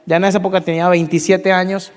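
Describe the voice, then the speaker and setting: A man in his thirties with a Colombian Spanish accent, telling his testimony in a sermon, swinging between hushed confession and emphatic peaks. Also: flat delivery, fast, long reverb tail, soft background music. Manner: emotional storytelling, dropping to hushed tones and rising to emphatic highs. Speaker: preacher.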